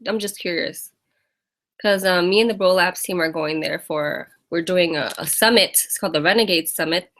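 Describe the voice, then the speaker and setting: A woman with a mid-range, fairly bright voice hosts a casual fitness Q&A on a live stream. She's American, and she chats, laughs, and says hello to viewers by name.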